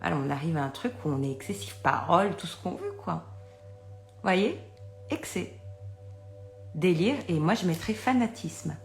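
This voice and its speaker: A woman's voice: low-pitched, animated, moderate pace, vocal fry, soft background music. A middle-aged woman chatting casually to viewers about oracle cards, often checking they follow her with little asides. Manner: chatty, keeps addressing viewers, many fillers. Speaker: oracle card reader.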